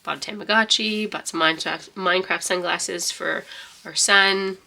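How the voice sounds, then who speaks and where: A young journaling vlogger flips through her journal, rambling chattily with lots of fillers and restarts. Her lowish voice sounds stuffy and congested, with vocal fry and a pushed, bright quality. She keeps a steady tone at a moderate pace.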